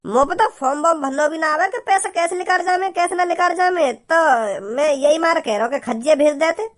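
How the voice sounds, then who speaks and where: Voice actor playing a cartoon village bumpkin, high-pitched, rambling, stammering, naive. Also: a little fast. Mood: pleading. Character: silly simple-minded village young man. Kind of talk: cartoon comedy voice acting.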